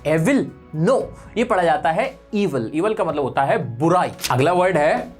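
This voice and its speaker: A woman with a low voice teaches English pronunciation. She quizzes the listener on each word and corrects them with a teasing "no, no, no". Faint music plays underneath. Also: big pitch swings, normal speed. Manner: quizzing the viewer, then correcting with repeated "no, no, no". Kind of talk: pronunciation lesson.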